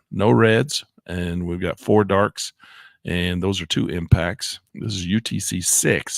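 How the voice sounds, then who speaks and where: The recording is clean studio sound without echo, carrying a man's low, gravelly voice, stuffed up from a cold and allergies. He's hosting live trading commentary over a shared screen, rambling, correcting himself, and clearly excited by the market as he goes over charts.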